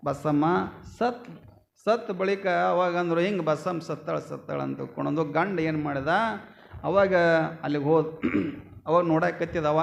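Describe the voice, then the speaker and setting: A man giving a storytelling sermon as a swami, swinging between loud exclaiming and low murmuring. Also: measured pace, gravelly, pauses often, a little hiss or hum. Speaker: swami preacher.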